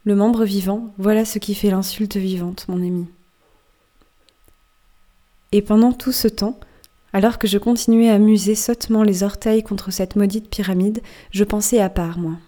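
A woman narrates as a cocky old-time sailor spinning a yarn about his dream, conspiratorial and amused. The voice is mellow and dark, steady in pitch, never rushed into a shout. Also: natural voice. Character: wry, boastful male sailor telling his dream. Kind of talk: audiobook reading.

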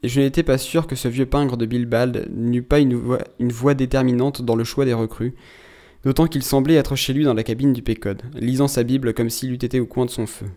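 Mellow-voiced male audiobook narrator. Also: mid-range voice, steady tone. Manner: measured storytelling with occasional restarts. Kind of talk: audiobook narration of a classic novel.

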